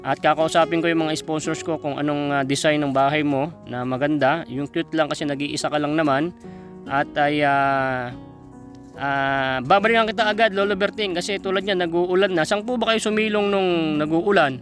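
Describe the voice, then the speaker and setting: A man from the Philippines vlogging outdoors on a mountain, talking haltingly with many fillers and coaxing an old man. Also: on the high side, fairly bright tone. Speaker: charity vlogger. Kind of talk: casual vlog talk to camera and an old man. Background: guitar music.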